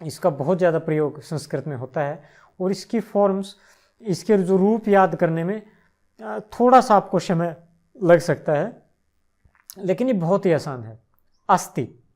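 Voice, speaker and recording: Slow, patient Hindi-speaking language teacher. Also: medium pitch, darkish tone. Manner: repeats each form in slow, deliberate drills; patient, reassuring explanations. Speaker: Sanskrit teacher. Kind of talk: language lesson, drilling verb forms.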